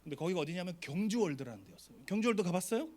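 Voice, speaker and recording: A middle-aged male pastor preaching to teenagers in a high, bright voice that leaps up and down. He tells stories with lots of energy and acts out each character. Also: racing. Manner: animated storytelling, acting out voices. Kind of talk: sermon to a youth retreat.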